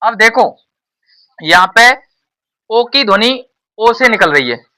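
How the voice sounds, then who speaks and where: A male tuition teacher walks a class through an exam paper, repeating each point and tossing questions back at the pupils. His voice is bright and forward. It is caught from a distance in the classroom, so it sounds a little far from the mic. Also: high voice, lively intonation, slow. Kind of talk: classroom exam-prep lesson.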